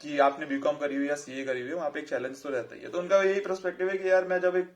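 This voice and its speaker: Chatty man with a higher voice. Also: steady tone, fast talker. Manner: chatty, repeats fillers like "theek hai". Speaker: chartered accountant giving career advice. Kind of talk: casual advice talk to camera.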